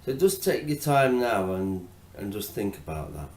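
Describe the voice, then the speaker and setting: A male hypnotherapist talking informally and hesitantly about hypnotherapy, with many fillers, then gently guiding the listener through their breathing. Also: fairly low pitch, sing-song, moderate pace, echoey room. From England. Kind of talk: informal talk to camera on hypnotherapy.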